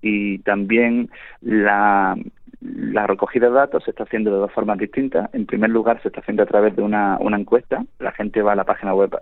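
A man calls in to a radio program as a linguist guest and explains at length, restarting his sentences often. His voice sits a little low and moves at a brisk clip. The sound is thin and dry, like a telephone line. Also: fairly even intonation, no room sound. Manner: explanatory, halting with frequent restarts. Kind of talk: radio phone interview. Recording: tinny phone line into a radio studio.

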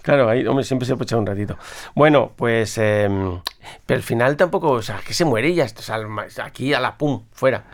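A man's voice: mid-range voice, brisk. A man chatting casually and joking, chiming in on a story, heard from somewhat away from the microphone. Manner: joking, interjecting. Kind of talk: casual chat.

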